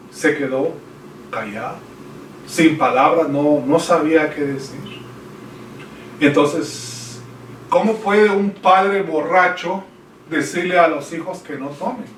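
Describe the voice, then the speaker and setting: A man's voice: fairly high pitch, slight background noise. A man preaching a sermon earnestly, addressing his listeners as brothers. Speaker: pastor. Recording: echoey room heard from a distance.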